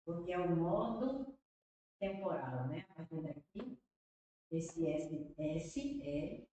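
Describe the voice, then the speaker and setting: A woman's voice: fairly low pitch, warm tone, a little hiss or hum. A Brazilian woman teacher solving exam questions aloud, repeating words and checking in with her listeners. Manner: talks through answers aloud, repeating words and checking with "né?" and "tá vendo?". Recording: echoey room, voice far from the mic.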